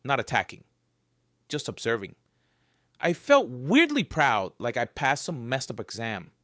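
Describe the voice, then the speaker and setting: A wry, joking narrator, this man relates a creepy first-person survival story with dark humor that holds even at its darkest points. His middle-pitched voice moves a little slowly. The audio is close and dry, without echo or room sound.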